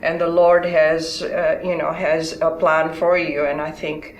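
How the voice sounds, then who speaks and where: A woman in her sixties, born in Tanzania, answering interview questions in a thoughtful, halting way with many fillers. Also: sits low, little pitch movement, roomy sound, poor audio. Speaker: interview guest, physician. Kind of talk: conversational interview.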